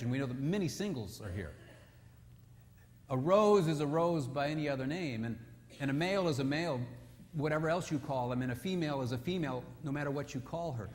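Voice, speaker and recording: A male preacher giving an animated, story-driven sermon, dropping low and quiet for emphasis. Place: church sanctuary. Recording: long church hall reverb.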